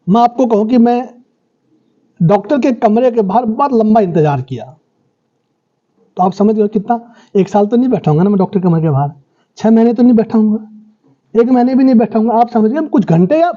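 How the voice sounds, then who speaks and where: A man with a high yet mellow voice teaches a university lecture, patiently walking through everyday examples and often checking that his listeners follow. The recording is dull and lo-fi. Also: animated, normal speed, pauses often. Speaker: professor lecturing.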